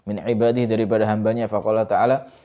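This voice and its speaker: A man's voice: fairly low pitch, steady tone, fast, lo-fi sound. A man teaching a pesantren kitab lesson as an ustaz. He reads the Arabic text, explains it, and keeps asking his students questions. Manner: asks students questions over and over, mixes in Javanese words.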